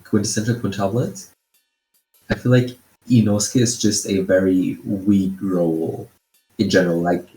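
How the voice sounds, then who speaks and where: A young man co-hosting an anime podcast, speaking slowly and haltingly as he searches for words. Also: low voice, steady tone, dark tone, soft background music. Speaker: podcast co-host. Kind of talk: casual anime review chat. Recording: roomy echo.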